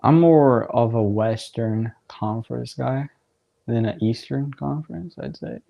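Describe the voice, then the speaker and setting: This livestream watchalong host, a young man, gives casual live commentary on a soccer match in a medium-pitched voice that runs a little slow, with vocal fry. He's relaxed and rambling, packed with fillers and little laughs.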